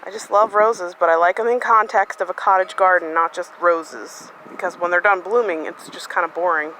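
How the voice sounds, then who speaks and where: A woman's voice: fairly low pitch, steady tone, moderate pace, bright, forceful tone, a little hiss or hum, poor audio. A woman chatting casually as she walks through her garden outdoors, talking into a handheld phone camera with plenty of fillers. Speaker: gardening vlogger. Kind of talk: casual walk-through vlog. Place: outdoors in a sunny home garden.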